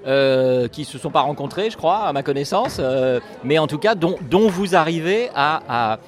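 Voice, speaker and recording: A man's voice: on the high side, expressive, moderate pace. A man interviewing a musician, asking long, rambling questions while often stumbling and repeating words.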